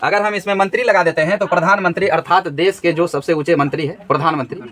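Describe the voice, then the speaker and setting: A man's voice: sits high, fairly even intonation, fast talker, fairly bright tone. A man teaching a grammar lesson in a classroom, repeating each question so the students answer together.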